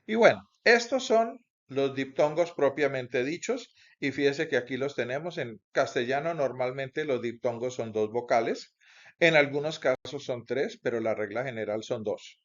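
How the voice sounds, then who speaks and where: A man teaching Bible Greek in a recorded lecture, explaining slowly and deliberately with pauses and self-corrections. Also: mid-range voice. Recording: dull lo-fi recording.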